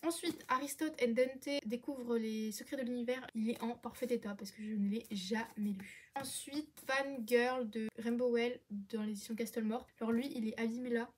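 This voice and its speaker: Young woman rambling on while tidying books, kinda high voice, faint hiss behind. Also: darkish tone. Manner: chatty, rambling, talks to viewers while working. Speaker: book vlogger. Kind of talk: casual chat while tidying shelves.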